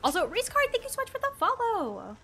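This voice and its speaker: While gaming, a young female streamer tosses slangy, casual chatter to her viewers in a slightly nasal, congested voice. It's very high, brisk, pushed, and bright, with huge pitch swings and slight background noise.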